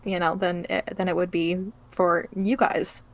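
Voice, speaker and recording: A woman's voice: fairly low pitch, little pitch movement, unhurried. A woman answering as an interviewed voice actor, chatting casually in a hesitant, thoughtful way and often correcting herself.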